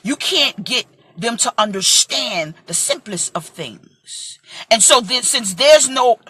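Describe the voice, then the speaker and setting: Woman in her 40s preaching hard on a vlog, lively swooping voice, dry close sound. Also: on the high side, slow pace, slightly rough, no room sound. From Brooklyn, USA. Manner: impassioned, emphatic, acts out quoted voices. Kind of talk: vlog sermon.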